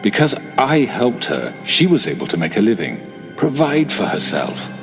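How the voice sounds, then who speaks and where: An actor playing a smooth, menacing middle-aged crime boss who talks in a patronizing, calmly manipulative way, in a game. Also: male voice, medium pitch, normal speed. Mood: smooth, needling. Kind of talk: video game voice acting. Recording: game audio over music score.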